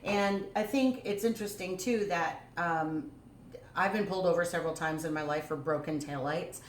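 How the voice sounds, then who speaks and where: A woman's voice: on the low side, moderate pace. A woman co-hosting a casual talk show, speaking earnestly and with emphasis. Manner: earnest, emphatic, talks things through. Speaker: co-host. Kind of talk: casual chat. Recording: echoey room, faint background noise.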